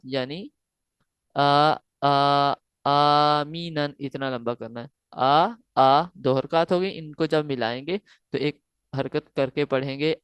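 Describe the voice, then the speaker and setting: A man's voice: on the high side, clean tone, no room sound, clean studio sound. A man from Pakistan teaching an online Quran recitation lesson. He is patient, spelling out letters and drawing out the recited words. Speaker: Quran tutor.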